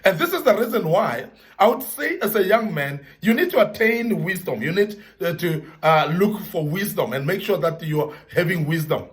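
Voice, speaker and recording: Man, high voice, earnest motivational speaker who leans on repetition and scripture. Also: expressive, normal speed. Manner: earnest, repetitive emphasis, Bible references. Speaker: speaker giving advice to young men. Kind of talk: motivational talk.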